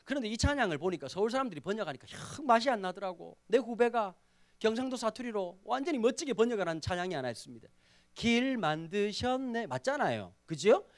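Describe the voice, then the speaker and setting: A man preaching to a youth congregation, animated and full of rhetorical questions. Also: high voice, fast talker. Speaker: pastor. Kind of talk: youth sermon. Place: church service.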